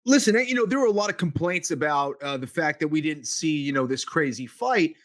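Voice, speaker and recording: A man co-hosting a sports podcast, talking in a loose, relaxed way with lots of "you know" fillers. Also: fairly high pitch, brisk, no echo, studio quality. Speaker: podcast co-host, fight analyst. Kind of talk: casual sports podcast chat.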